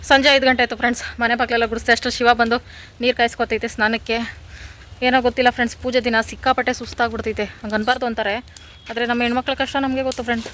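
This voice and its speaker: A woman's voice: fairly high pitch, level tone, fast, a bit bright. A woman in her thirties with a rural Karnataka Kannada accent, chatting casually to viewers in a home vlog. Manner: chatty, addresses viewers as friends constantly. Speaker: vlogger.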